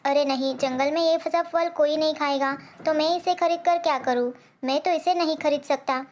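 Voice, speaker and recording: A woman's voice: sits high, steady tone, moderate pace, lightly acted. A woman voicing a blunt male jungle king in a cartoon story. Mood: dismissive. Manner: dismissive.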